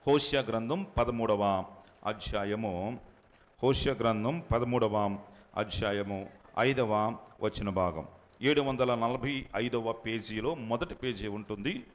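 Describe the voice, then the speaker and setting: A male pastor preaching a sermon emphatically, repeating phrases and swinging between loud high bursts and soft low drops. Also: slow pace. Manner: emphatic preaching with sudden rises and drops in pitch and loudness. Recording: long hall reverb.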